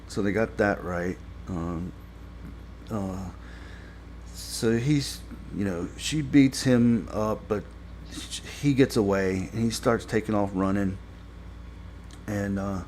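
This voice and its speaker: Low-ish guy rambling thru a review, lots of ums, slow, kinda blunt. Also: a little mellow, a little hiss or hum. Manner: rambling, halting, many ums and restarts; blunt and critical. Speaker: show reviewer. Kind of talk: casual spoken review.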